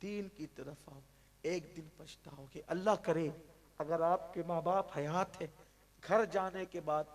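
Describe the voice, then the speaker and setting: A man preaching a sermon at a religious gathering, telling an emotional story that swells into loud, impassioned crescendos. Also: on the high side.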